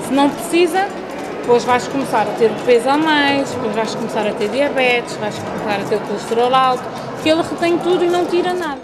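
A high-voiced woman doctor from São Tomé and Príncipe explains diet and health directly to a patient. She talks in a sports hall with loud music behind her. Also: animated, brisk. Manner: direct, explanatory, addresses the listener. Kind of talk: giving health advice.

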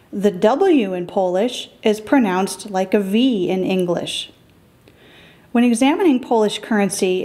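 A woman's voice: mid-range voice, warm tone. A middle-aged woman hosting a currency collecting show, giving careful scripted educational narration.

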